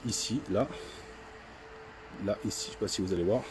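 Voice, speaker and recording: Middle-aged guy filming a ghost hunt in an old house, halting, lots of restarts, bit of faint hiss. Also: lowish voice. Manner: hesitant, repeats himself often. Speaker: paranormal investigator. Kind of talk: casual vlog narration. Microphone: handheld camera.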